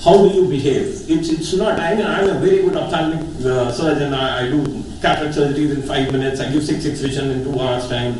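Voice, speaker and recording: A man's voice: on the high side, brisk, hardly any pauses, a little mellow. A man with a North Indian accent gives an informal, earnest personal speech as a surgeon, emphatic and often repeating phrases. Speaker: eye surgeon giving a testimonial speech. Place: echoey hall. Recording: very echoey hall, distant mic, faint noise.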